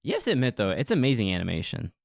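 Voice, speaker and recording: A man co-hosting a podcast in casual chat, excitable and playfully teasing. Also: fairly low pitch, very fast, vocal fry, dry recording, studio quality. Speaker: podcast co-host.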